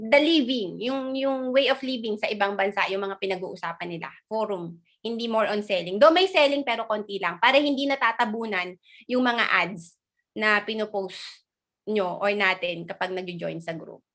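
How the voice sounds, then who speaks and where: A woman's voice: mid-range voice, normal speed, fairly bright tone. A woman speaking as a guest on a video call, chatting casually and animatedly as she tells her story. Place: abroad, in Australia.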